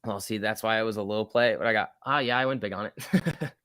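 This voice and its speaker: Bright-voiced man hosting a trading livestream. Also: on the low side, fairly quick, no room sound, studio quality. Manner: slangy, informal, chummy address to viewers. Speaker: stock trading livestream host. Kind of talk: casual off-the-cuff live market commentary, reading and answering chat.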